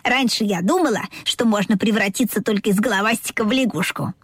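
A woman's voice: mid-range voice, brisk, slightly rough, no room sound, clean studio sound, close to an everyday voice. A woman voicing a boastful, chatty female frog in a children's story, bragging in a self-important way.

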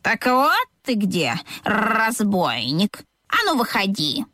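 A woman's voice: medium pitch, big pitch swings, bright, forceful tone, no room sound, studio quality, full character voice. A woman doing a stern scolding storybook cat. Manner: strict, scolding, slow and firm. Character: stern grown-up male cat.

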